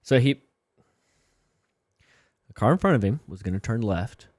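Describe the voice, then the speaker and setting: Low-voiced wry male co-host. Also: sing-song, unhurried, darkish tone, no room sound, clean studio sound. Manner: wry, joking asides. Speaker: firefighter co-host. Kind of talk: casual chat.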